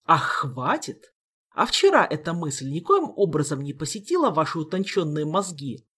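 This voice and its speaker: A man reading an audiobook, voicing a gruff, hot-tempered nobleman who scolds loudly. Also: a little high, big pitch swings, normal speed, heavily acted. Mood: angry. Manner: loud, growling scolding.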